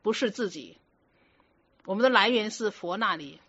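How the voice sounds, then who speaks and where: Woman, Buddhist teacher, dharma talk, firm, rhetorical questions, bright tone, dull lo-fi sound. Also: mid-range voice, lively intonation, moderate pace, breathy edge. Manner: conversational, rhetorical questions to the listeners; firm, instructive. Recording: muffled lo-fi recording.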